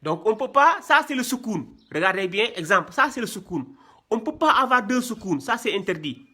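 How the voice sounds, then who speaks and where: Very animated at a moderate pace, a Quran reading teacher with a high-pitched, sharp and husky voice leads a classroom lesson on reading Arabic script. He repeats each point, drills the terms, and keeps asking "voyez bien" and "hein".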